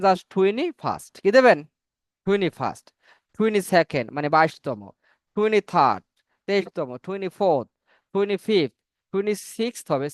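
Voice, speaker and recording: A man teaching a spoken English class, repeating each number slowly so learners can say it after him. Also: sits high, smooth, no room sound.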